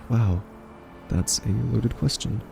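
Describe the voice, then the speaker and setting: A man gives a full character voice, fairly low and gravelly, to an earnest, quirky scientist in a roleplay audio drama. The character is a thoughtful captive who is soft-spoken, hesitant and argumentative.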